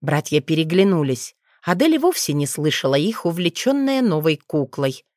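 A woman with a low voice reads a fantasy novel aloud as an audiobook. Her telling is even and measured. The recording is dry and close. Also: no echo. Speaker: narrator. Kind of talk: audiobook narration.

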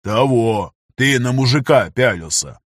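A brash male gunner, voiced by a man narrating a sci-fi audiobook, quick to mock and quick to bark. His voice is husky and sits dry against the mic. He sounds blunt and rough. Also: mid-range voice, animated, no room sound. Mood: teasing. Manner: teasing, then barking commands. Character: mocking hot-tempered male ship gunner.

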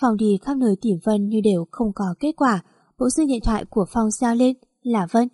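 A woman narrating a dramatic audio story with an even, steady reading. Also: on the high side, normal speed, breathy edge, dry recording, studio quality.

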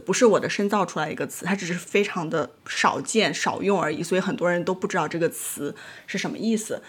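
Casting note: woman, startup founder guest, chatty and thoughtful, mid-pitched voice. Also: slightly rough. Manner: thoughtful, explains step by step. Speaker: guest, design tool founder. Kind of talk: casual podcast conversation. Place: North America.

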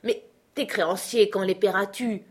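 Une femme âgée, pratique et grondeuse, qui sermonne et fait des reproches sur un ton affairé, jouée par la lectrice d'un roman. Voix féminine de hauteur moyenne, lecture de livre audio. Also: female voice, mid-range voice, steady tone, normal speed, slightly rough, natural voice. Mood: reproachful. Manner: fussing, reproachful. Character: scolding, practical older sister, a woman.

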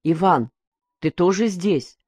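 A woman's voice: lowish voice, expressive, slow pace, no echo, pitched above the performer's own voice. A woman reading the part of a joyful young village woman who gushes with exclamations. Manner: bright exclamations. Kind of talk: audiobook character reading.

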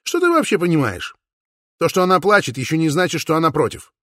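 Man reading sturdy farm wife, firm, pitched up. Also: wildly swooping pitch, quick pace, fairly bright tone, dry recording, clean studio sound. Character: strong matter-of-fact farm wife.

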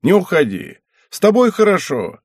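A man voicing a boisterous, tipsy middle-aged nobleman with a loud, hearty, teasing manner in an audiobook. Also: sits high, big pitch swings, moderate pace, slightly rough, dry recording, clean studio sound, voice pushed up, heavily acted. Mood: jovial.

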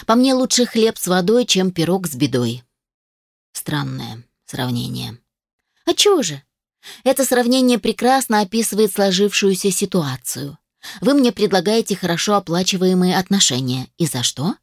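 A woman narrating a first-person fantasy novel in a sardonic, brisk manner. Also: fairly low pitch, dry recording, studio quality. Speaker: audiobook narrator.

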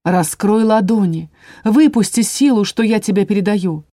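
A woman's voice: mid-range voice, moderate pace, dry recording, studio quality, lightly acted. A woman voicing a bossy female house spirit who barks commands. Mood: urgent. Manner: urgent, commanding, shouting orders.

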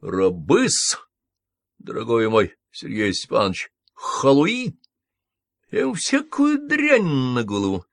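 A man voicing an eccentric, excitable middle-aged official who exclaims and mocks theatrically in an audiobook. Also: medium pitch, takes it slowly, vocal fry, no echo, studio quality, full character voice. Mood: mocking. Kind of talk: audiobook character voice.

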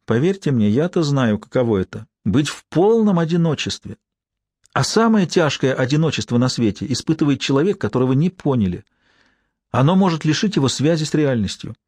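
A man reading an audiobook voices a woman in her early thirties who speaks in a quiet, faltering voice and grows indignant. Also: fairly high pitch, big pitch swings, fairly quick, dry recording. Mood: bitter.

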